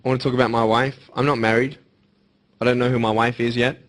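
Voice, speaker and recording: Bright-voiced young man, emphatic. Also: medium pitch, little pitch movement, fast talker. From Australia. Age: young adult. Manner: emphatic, swinging between bold declarations and hushed earnest appeals. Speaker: motivational speaker. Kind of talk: motivational speech to students.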